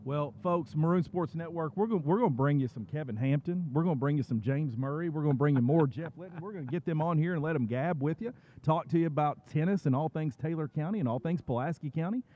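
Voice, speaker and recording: A folksy man with a Kentucky accent hosts a small-town tennis livestream, talking in a slightly higher voice than most men. The audio is thin and phone-like. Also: quick pace, hardly any pauses. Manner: folksy, jokey. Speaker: sports broadcast host. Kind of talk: casual sports broadcast chat.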